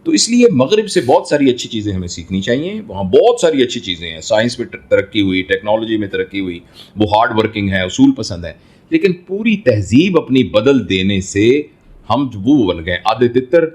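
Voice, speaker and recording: Male doctor, interview guest, fatherly, lively intonation, rhetorical questions. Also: lowish voice, slightly rough. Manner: explains through everyday examples and rhetorical questions; fatherly, addresses listener as son. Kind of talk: reflective interview answer.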